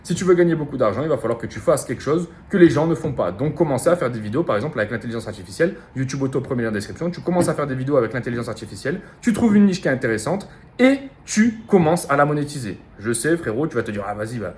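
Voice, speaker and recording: Male online coach, talks very fast, pushy and repetitive, slangy and profane, motivational vlog delivery. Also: medium pitch, very animated, darkish tone. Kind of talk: motivational monologue to camera.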